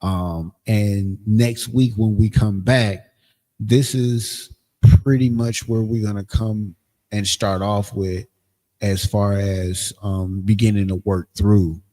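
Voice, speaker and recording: A man teaching a livestreamed language class, explaining in a casual, halting way with frequent pauses and ums. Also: lowish voice, steady tone, warm tone. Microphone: streaming setup, screen sharing.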